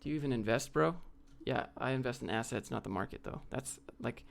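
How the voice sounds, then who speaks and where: An American man hosts a livestream, reading viewer questions aloud and answering them off the cuff in blunt, slangy fashion. His mid-range voice is creaky and runs a little fast.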